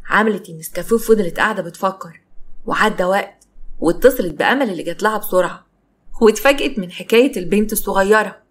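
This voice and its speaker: A woman with an Egyptian accent narrates a family story at a brisk pace. Her pitch sits in the middle, and her delivery is steady. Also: breathy edge. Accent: Egyptian Arabic.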